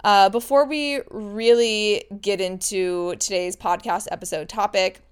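A woman's voice: medium pitch, steady tone, unhurried, clear, resonant tone. A woman hosting a casual solo podcast, talking frankly and chattily with mild swearing while lying in bed, getting over a stomach flu. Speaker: podcast host.

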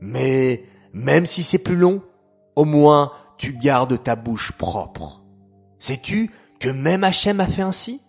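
A man voicing a gentle, patient father who teaches his children in a storybook tale. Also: mid-range voice, faint music behind. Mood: gently instructive. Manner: calm, measured, gently instructive.

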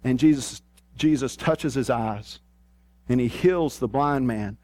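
Speaking slowly in a medium-pitched, darkish voice, a man gives a folksy, plain-spoken sermon marked by a Southern US hillbilly accent and country twang. Key phrases come back again and again for emphasis, recorded without echo.

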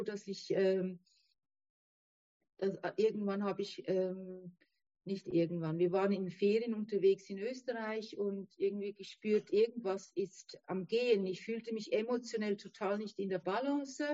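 Female interview guest, non-native German speaker, soft-edged tone, halting and thoughtful, slightly muffled sound. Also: medium pitch, fairly even intonation. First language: not German. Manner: halting, searching for words. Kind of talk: reflective personal conversation. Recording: dull, roomy sound.

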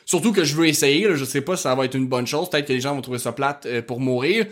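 A man with a rural Quebec French accent hosting his own podcast, talking fast and excitedly and piling on information. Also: mid-range voice. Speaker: podcast host. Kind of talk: casual solo podcast talk.

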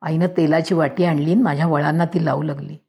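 A woman reading a storybook aloud in a lively way, acting out each character's voice. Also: low voice, fairly quick.

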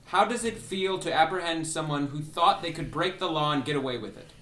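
A man's voice: on the high side, fairly quick, a bit bright, reverberant, recorded from a distance, close to an everyday voice. A man voicing a sly, polite male newspaper reporter in an amateur script read-through. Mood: needling.

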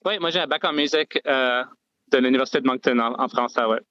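A young man from Nova Scotia with an Acadian French accent, a guest storyteller speaking in an easygoing, halting way, full of "tu sais". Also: medium pitch, no echo. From Nova Scotia, Canada. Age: young adult. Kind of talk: casual interview. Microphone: phone or remote call. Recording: dull remote line.

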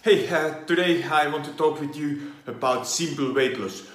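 A man with a Finnish accent, an online fitness coach explaining things in a halting way with many fillers and restarts. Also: fairly high pitch, fairly bright tone, echoey room. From Finland. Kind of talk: explainer monologue.

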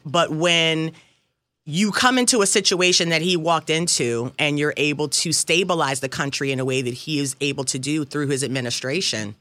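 Bright-voiced, earnest woman interview guest. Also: deep voice, no room sound. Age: 50s. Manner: earnest, emphatic, repeats phrases for weight. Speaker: guest, local politician. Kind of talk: radio interview chat. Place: radio studio.

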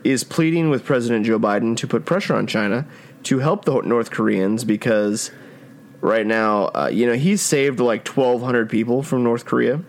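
A man's voice: mid-range voice, moderate pace. A man co-hosting a podcast in a casual chat, dry and joking, reading out his own headlines. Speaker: podcast co-host.

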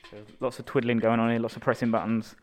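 A man's voice: medium pitch, flat delivery, fast, soft background music. A man presenting a walk-and-talk documentary in a hospital, chatting casually and narrating as he goes. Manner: chatty, informal, narrates as he walks. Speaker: presenter touring a hospital ward. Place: hospital ward and corridors.

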